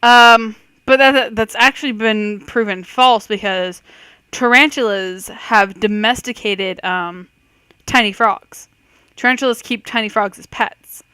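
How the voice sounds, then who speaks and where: A woman's voice: fairly high pitch, measured pace, bright, forceful tone, smooth, no room sound. A woman giving casual, chatty commentary on a quiz game, reading questions aloud and reacting with self-doubting thoughts. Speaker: host of a let's-play quiz video.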